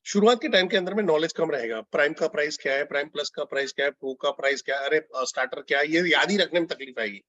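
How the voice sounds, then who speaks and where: A man's voice: a little high, fast, hardly any pauses, pushed and bright, no echo. A man, a business consultant, giving a conversational training lecture to telecallers and putting questions to his audience. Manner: conversational, mixing Hindi and English, asks the audience questions. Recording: dull lo-fi sound, dry.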